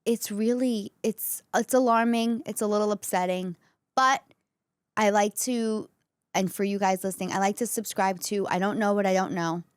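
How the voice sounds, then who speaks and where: A woman's voice: medium pitch, fairly even intonation, normal speed, smooth, no room sound, studio quality. New woman, candid podcast host. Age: 40s. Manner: candid, conversational, addresses listeners directly. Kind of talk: casual solo talk to audience. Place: indoor podcast studio.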